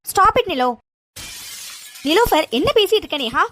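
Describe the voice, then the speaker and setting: A woman's voice: high voice, soft background music, close to an everyday voice. Woman voicing a flustered college girl. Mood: angry. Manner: fast, exasperated, rising to anger. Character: young college woman, confused and easily riled.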